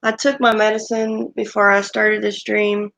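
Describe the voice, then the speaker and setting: A woman hosting a livestream, chatting casually with viewers and thanking them one by one, her voice creaky since she has just woken up and is recovering from illness. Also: medium pitch, flat delivery, moderate pace, a bit bright. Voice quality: creaky morning voice. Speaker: livestream host. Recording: dull lo-fi stream audio.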